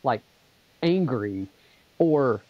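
Male host, husky and dry, halting as he sets up questions. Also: medium pitch, lively intonation, dry recording, highs cut off. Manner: halting, many restarts while setting up questions. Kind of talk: casual interview chat.

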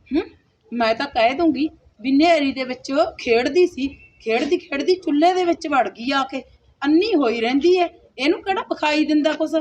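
A woman's voice: sits high, a little hiss or hum, lightly acted. A woman playing a cruel, scheming stepmother who taunts and scolds with wailing cries. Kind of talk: Punjabi village skit acting.

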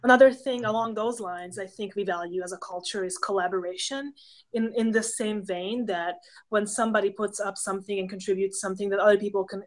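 Speaking fairly quickly in a steady, medium-pitched voice, this thirty-something woman from Hungary has a Hungarian accent. She's a pastoral theology professor appearing as a guest in a relaxed interview, using a webcam on a video call from home, and her explanations are considered and rich in examples.

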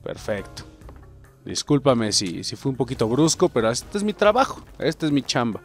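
A young man with a Mexican Spanish accent, commenting on his own gameplay with excitable, profane jokes aimed at his viewers. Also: mid-range voice, moderate pace, soft background music. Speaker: gaming channel host.

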